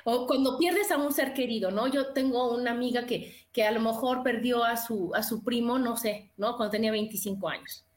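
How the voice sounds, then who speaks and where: A high-pitched woman with a Mexican accent talks in a casual, motivational way. She gives quoted voices their own lively color. The recording carries a noticeable room echo. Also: normal speed, few pauses. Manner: animated, acts out quoted voices. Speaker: guest speaker.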